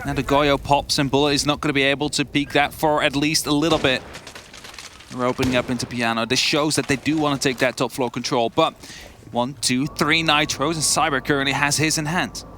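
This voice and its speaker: A man's voice: mid-range voice, steady tone, brisk, pushed and bright, slight background noise. A man working as an esports caster, giving conversational, opinionated live commentary and analysis.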